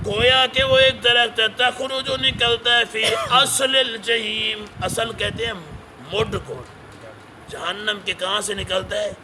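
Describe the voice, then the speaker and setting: A man teaching the Quran, reciting Arabic verses and explaining each phrase in with a teacher's questions to his listeners. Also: high voice. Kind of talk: Quran translation lesson. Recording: noisy recording with traffic behind.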